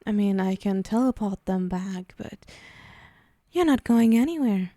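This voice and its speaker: Voicing a clingy, taunting she-demon for ASMR, a woman whispers straight to the listener with teasing menace, threatening but indulgent. Her mid-range voice is animated and a little slow, close to everyday speech, captured in clean, echo-free studio sound.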